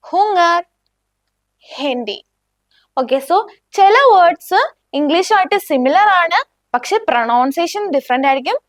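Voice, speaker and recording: A woman teaching a beginner language lesson with a Malayali accent, saying each word slowly and asking learners to repeat after her. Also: high-pitched, no echo, clean studio sound.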